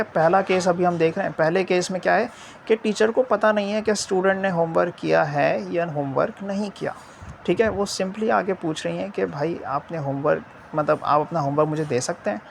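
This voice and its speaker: A male English teacher talks through a lesson, mixing Urdu and English. His voice sits a little high and has a rough, gravelly edge. He keeps checking in with "theek hai" after nearly every phrase, over a faint background hum. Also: normal speed. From Pakistan.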